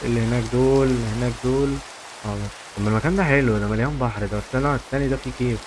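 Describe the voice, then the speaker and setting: A man's voice: medium pitch, steady tone, rapid-fire, noisy background. A young man with an Egyptian accent, chatting to viewers as he plays a survival game, repeating himself as he goes. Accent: Egyptian Arabic. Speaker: gaming YouTuber. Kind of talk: casual gameplay commentary.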